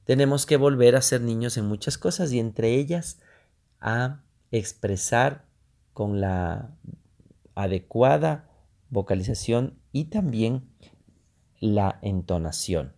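A man giving a public speaking lesson, unhurried, repeating phrases and pausing with fillers. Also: mid-range voice, expressive, vocal fry, warm tone. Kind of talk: instructional talk.

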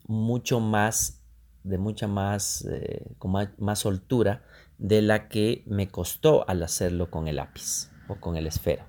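Slow-spoken, low-voiced man teaching. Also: warm tone. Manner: unhurried, repeats phrases, pauses with fillers. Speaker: public speaking teacher. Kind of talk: instructional talk.

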